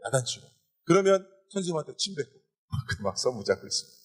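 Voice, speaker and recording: A man preaching a sermon as pastor, animated, often addressing the congregation directly. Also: on the high side, fast talker, slightly rough. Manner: animated preaching with calls of "여러분".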